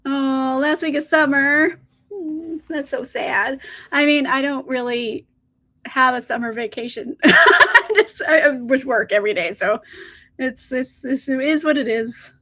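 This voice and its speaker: A woman who hosts a book channel speaks at a measured pace in a high, pushed, bright voice that's a little scratchy today. On her casual livestream she says hello to viewers and answers comments, upbeat, chatty and laughing frequently.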